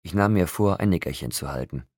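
A man reading an audiobook in a calm, even storytelling manner. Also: low-pitched, fast, breathy edge, no echo, clean studio sound. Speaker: audiobook narrator. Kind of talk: audiobook narration.

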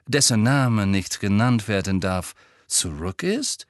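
A man's voice: lowish voice, expressive, slow, no echo, studio quality. A man voicing a pushy, scheming middle-aged woman reporter, gushing and prying in a storybook reading. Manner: gushing, prying, dramatic emphasis.

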